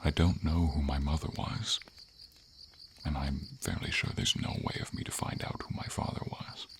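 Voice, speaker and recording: Pained and wistful, a man's very deep, gravelly voice brings a gentle, wise dragon to life in a scripted fantasy ASMR roleplay. He speaks formally, in slow and measured phrases with thoughtful pauses. A steady hiss of light rain and night insects fills the background.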